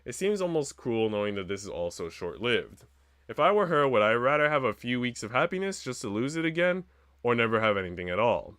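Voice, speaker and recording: Streaming a visual novel, this man reads its first-person text out loud in a medium-pitched, sing-song voice that's a little bright and fairly quick. Behind him you can hear the game's visual novel music.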